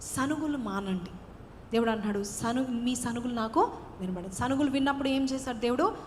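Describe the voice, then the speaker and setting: A woman pastor preaching a sermon, slipping English phrases into her talk and building to loud proclamations. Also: fairly high pitch, brisk, long reverb tail, slight background noise.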